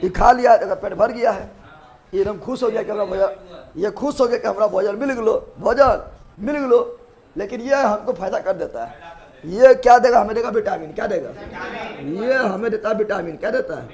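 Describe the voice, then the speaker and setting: Man, high voice, biology teacher, call-and-response drilling, loud and emphatic. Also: brisk. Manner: repeats questions, drills students in chorus; loud, emphatic, laughing often. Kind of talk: call-and-response classroom lesson.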